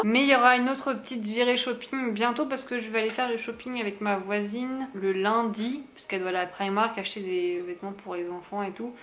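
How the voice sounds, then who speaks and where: A woman's voice: mid-range voice, a bit bright. A young woman chatting casually through a shopping haul vlog at home, with many fillers and small laughs. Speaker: vlogger. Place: at home, moving to the kitchen.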